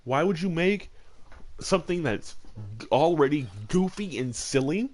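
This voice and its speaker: An animated man hosts a gaming discussion show, rambling about his opinions in a casual chat full of opinionated commentary. He is emphatic and often repeats phrases for stress, speaking unhurriedly in a voice on the high side.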